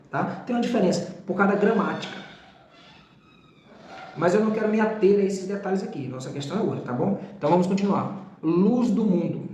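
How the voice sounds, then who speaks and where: A man's voice: on the high side, a little mellow, a little hiss or hum. Man teaching theology in an echoey room. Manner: didactic, talks straight to the student with "tá?" and "ó"; drawn-out repetition of key terms. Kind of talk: recorded theology class.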